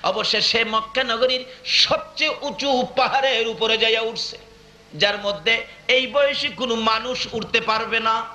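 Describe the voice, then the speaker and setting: A man's voice: extremely high pitch, unhurried, sharp tone. A man preaching a waz sermon, impassioned and rising into sung, chanted cries. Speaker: Islamic preacher. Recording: echoey live sermon audio.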